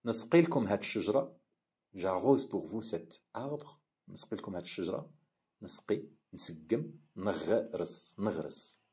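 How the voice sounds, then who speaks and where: A man with an Algerian accent teaching a language lesson, saying each phrase, repeating it slowly and explaining it. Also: fairly low pitch, lively intonation, darkish tone.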